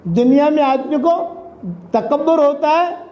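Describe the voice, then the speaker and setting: A man preaching a sermon, shouting exhortations and chanting scripture. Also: very high voice, roomy sound, highs cut off.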